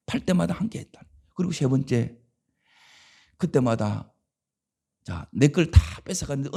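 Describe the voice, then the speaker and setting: A middle-aged male pastor preaches at a dawn service, his dark, husky voice gravelly at the edges. He throws rhetorical questions at the congregation. His pitch leaps wildly between booming highs and near-whispered lows. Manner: swings between loud exclamations and hushed asides. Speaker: senior pastor. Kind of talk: dawn revival sermon.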